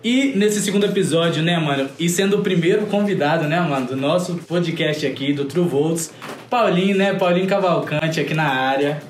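A man's voice: on the high side, moderate pace. Male podcast host, slangy and easygoing, faint noise behind. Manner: laid-back, slangy, addresses listeners. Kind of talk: casual chat. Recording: roomy, faint background noise.

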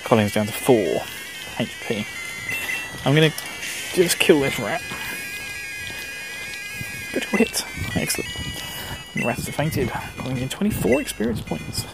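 A male gaming host with a mild Essex English accent and an average-pitched voice. He rambles casually through his commentary, chatting to himself as he plays. Music runs clearly behind him. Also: big pitch swings, moderate pace, poor audio. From Essex, England. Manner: chatty, talking to himself while playing.

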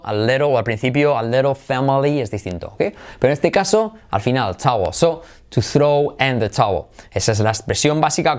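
A middle-aged man from Spain with a Spanish accent, teaching English in a lively, jokey way and switching between English and Spanish. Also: on the high side. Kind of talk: bilingual language lesson.

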